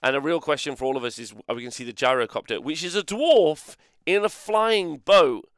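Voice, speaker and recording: A man hosting a casual gaming podcast, rambling and animated, with mock-outraged banter. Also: fairly high pitch, a little fast, clean tone, no echo, clean studio sound. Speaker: host.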